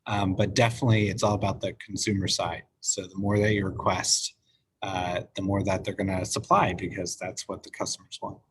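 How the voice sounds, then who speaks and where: A man's voice: low voice, flat delivery, fairly quick, breathy edge. A man on a video call panel, easygoing and hesitant, with many fillers. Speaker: panelist on invasive species.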